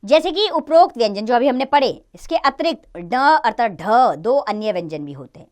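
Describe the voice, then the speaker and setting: A woman with a fairly high voice, teaching grammar to children in a classroom lesson. Her pitch rises and falls a lot as she explains step by step. She poses questions and answers them herself. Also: expressive, moderate pace, darkish tone.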